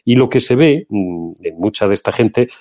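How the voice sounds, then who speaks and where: A man's voice: lowish voice, animated, normal speed, warm tone. A middle-aged man from Spain with a Castilian accent, talking politics on an opinion show in an emphatic, indignant, rhetorical way. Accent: Castilian Spanish. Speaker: political commentator.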